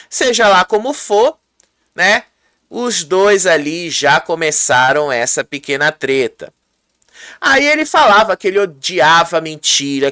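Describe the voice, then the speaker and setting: A bright, forward voice with a bit of edge recaps reality show fights in a conversational style. The journalist acts out each quarrel line by line and keeps checking in with the audience. The sound is dry and close, with almost no room around it. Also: medium pitch, clean tone, dry recording. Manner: retells dialogue, acting out the quotes; conversational, tags lines with "tá?". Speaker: entertainment journalist.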